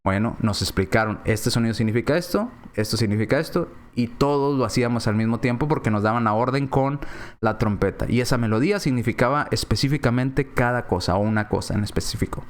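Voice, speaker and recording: A man preaching a sermon in a church, animated, acting out quoted voices with sudden pitch jumps and often checking in with his listeners. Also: fast talker. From Spanish-speaking, lives in Texas. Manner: often adds tag questions.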